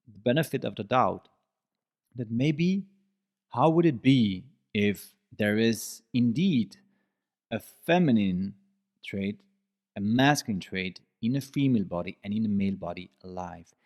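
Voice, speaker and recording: A man talks through his ideas in a reflective solo podcast, earnest and explanatory. His voice sits somewhat low, and he repeats key phrases to drive them home. His English has some non-native slips in phrasing and grammar. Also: darkish tone. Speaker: podcast host.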